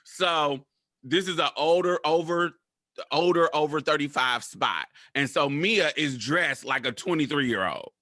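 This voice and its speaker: A man's voice: fairly high pitch, a little slow, sharp tone, dry recording, studio quality. A man, co-hosting and telling stories casually in a sassy, emphatic, profanity-laced way. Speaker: podcast host. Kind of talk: animated casual storytelling.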